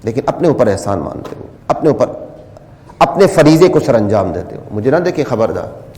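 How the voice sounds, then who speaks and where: A man preaching a sermon, moving between quiet asides and loud, rising exhortation, and slowing down to recite Arabic verses. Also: medium pitch, big pitch swings, long reverb tail. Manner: quotes Quranic Arabic slowly. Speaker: religious teacher.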